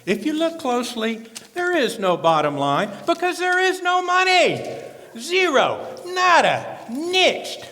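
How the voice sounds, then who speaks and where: A man's voice: high-pitched, fairly bright tone, a little hiss or hum, heavily acted. A man playing a fussy, flustered old-time merchant. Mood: pompous. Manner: stiffly formal, dramatic and flustered, stammering. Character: fussy, formal small-town male merchant, easily flustered. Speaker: store owner Mister Barnum. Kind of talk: community theater stage acting. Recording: live stage audio in an echoing hall.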